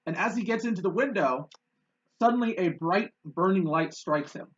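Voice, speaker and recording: A man's voice: high-pitched, expressive, normal speed, dull audio. A man co-hosting a podcast, telling a story in a loose, rambling way with frequent laughs. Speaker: podcast co-host. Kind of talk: casual chat.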